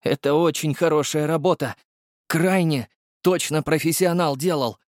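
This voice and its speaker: A man's voice: fairly high pitch, normal speed, dry recording, studio quality, voice pushed up, lightly acted. Man voicing a young potion maker, analytical, musing, audiobook. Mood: thoughtful. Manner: musing, expert explaining.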